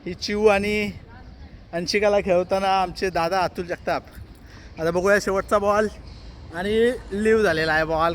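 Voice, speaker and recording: A man's voice: high-pitched, fairly bright tone, slight background noise. A man giving playful, announcer-style commentary on a family cricket match outdoors, filmed on a handheld camera.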